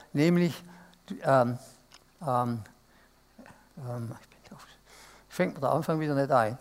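A male pastor preaching an interactive sermon and asking the congregation to answer aloud. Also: fairly high pitch. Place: church service.

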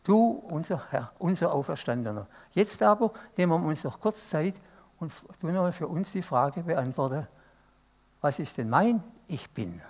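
A man's voice: a little high, animated, moderate pace. A male pastor preaching an interactive sermon and asking the congregation to answer aloud. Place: church service.

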